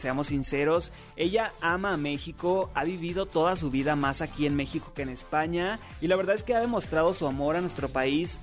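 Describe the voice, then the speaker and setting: A Mexican man with a fairly high voice for a man hosts an upbeat gossip show on entertainment radio. He chats playfully, keeps returning to his catchphrases, and has soft music playing underneath.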